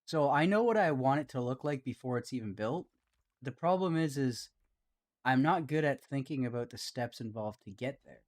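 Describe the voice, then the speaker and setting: A man's voice: medium pitch, lively intonation, normal speed. Rambling Canadian man streaming a build. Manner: rambling, hesitant, self-deprecating. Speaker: live streamer. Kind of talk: casual commentary while building.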